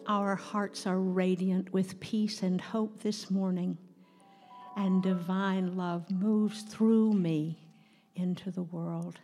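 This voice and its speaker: A woman leading a meditative prayer in a church, speaking softly and calmly. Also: fairly low pitch. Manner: slow, soft and calm. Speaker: prayer leader. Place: church sanctuary. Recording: long hall reverb with soft instrumental music.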